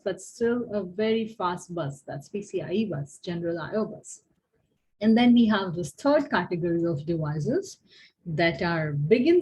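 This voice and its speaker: A woman's voice: fairly low pitch, darkish tone, slight background noise, low-quality recording. A woman professor giving a university lecture, asking her listeners questions and often restarting her phrases.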